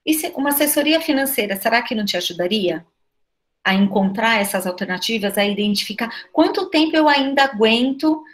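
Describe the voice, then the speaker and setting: A woman's voice: fairly high pitch, fairly quick. A Brazilian woman who runs a school, talking to a group of educators on a video call, full of rhetorical questions. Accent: Brazilian Portuguese. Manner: lively, asks many rhetorical questions, frequent "né?". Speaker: school director speaking at an online educators' meeting.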